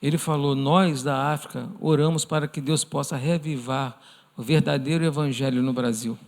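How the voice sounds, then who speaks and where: A man's voice: medium pitch, fairly even intonation, moderate pace, creaky. A man with a Brazilian Portuguese accent teaching a church lesson, earnestly addressing the congregation as brothers and acting out imagined prayers. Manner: acts out imagined prayers in a softened voice. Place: church hall. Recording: long reverb of a church hall.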